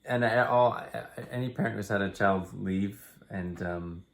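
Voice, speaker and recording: Very low-voiced man, reflective and hesitant. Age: middle-aged. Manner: hesitant, measured, thinking aloud. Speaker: father and family vlog co-host. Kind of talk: casual, reflective vlog chat.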